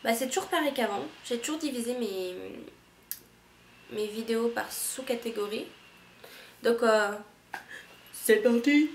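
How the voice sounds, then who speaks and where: A young woman from France talks casually to camera, rambling and slangy, often restarting her sentences. Her voice sits a little high. The room is echoey, with a faint hum behind her. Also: normal speed, long pauses. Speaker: au pair vlogger.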